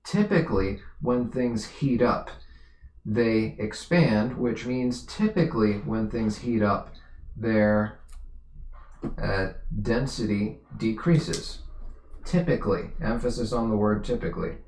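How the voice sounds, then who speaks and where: A man's voice: lowish voice, fairly even intonation, slow, darkish tone, echoey room, slight background noise. A man tutoring physics on a live stream, explaining patiently, repeating himself and correcting his own slips as he goes.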